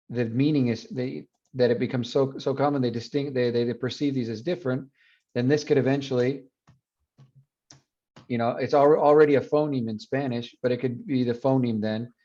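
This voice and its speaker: A university teacher explaining sound changes in a bilingual classroom lecture, mixing in English asides with frequent fillers. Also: male voice, medium pitch, warm tone, muffled recording. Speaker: university Spanish phonetics teacher.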